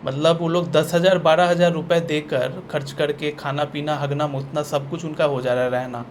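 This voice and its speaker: Man, slightly raised pitch, blunt sarcastic vlog rant, restarts and repeats lines, faint hiss behind. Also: fairly even intonation, normal speed. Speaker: vlogger. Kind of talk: ranting opinion vlog.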